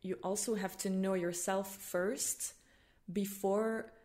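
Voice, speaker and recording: A woman's voice: mid-range voice, steady tone, slow, a little mellow. A woman hosting a conversational interview podcast, speaking in a reflective way. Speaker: podcast host.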